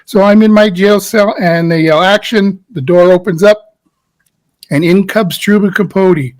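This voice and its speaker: High-voiced man telling an animated anecdote. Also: unhurried. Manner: storytelling, acts out his own past reactions in a high frantic voice. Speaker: guest actor. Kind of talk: animated anecdote in a casual interview.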